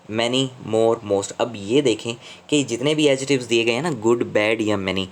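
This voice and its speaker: A man teaching English grammar from slides, explaining slowly and deliberately in Hindi mixed with English phrases. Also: mid-range voice. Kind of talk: slide-based grammar lesson.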